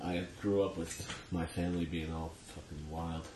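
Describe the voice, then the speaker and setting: A man's voice: low voice, little pitch movement, normal speed, mellow, roomy sound, a little hiss or hum. A young man from Long Island, a comedian telling laid-back, profane stories as a podcast guest. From Long Island, New York. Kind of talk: casual storytelling interview.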